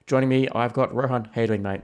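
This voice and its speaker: A man's voice: medium pitch, steady tone, fast, darkish tone, smooth. A man hosting a podcast, friendly and chatty. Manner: friendly, chatty, reads sponsor lines. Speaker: podcast host.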